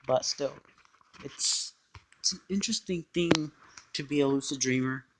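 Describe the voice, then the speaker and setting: Man, slow delivery, hesitant, halting phrasing, mid-range pitch, casual explanatory monologue. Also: background noise.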